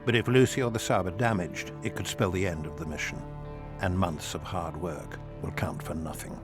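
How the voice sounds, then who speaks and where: A man's voice: low-pitched, fairly even intonation, moderate pace, over music. A man reading dramatic scripted documentary narration.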